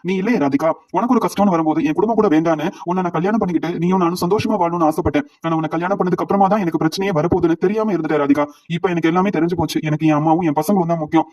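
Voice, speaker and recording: A man's voice: high voice, a little mellow. A man voicing a bitter, resentful middle-aged husband who reproaches his wife. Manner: reproachful, complaining.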